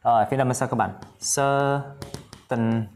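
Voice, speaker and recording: A man's voice: medium pitch, moderate pace, a little hiss or hum. A man teaching English vocabulary in a casual lesson, repeating each word several times and chatting with viewers between words.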